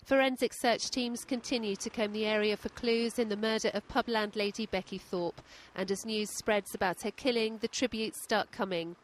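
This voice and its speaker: A woman narrating a scripted news report as a reporter in a clear, crisp delivery. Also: mid-range voice, fairly even intonation, normal speed, hardly any pauses, slight background noise.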